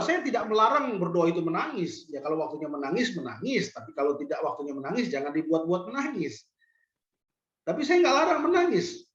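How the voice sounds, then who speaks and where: This high-pitched man with a fairly bright tone is a pastor giving a sermon; he fires direct questions at the congregation and repeats his main points slowly. The audio is a little dull and lo-fi, and his voice echoes around a spacious room.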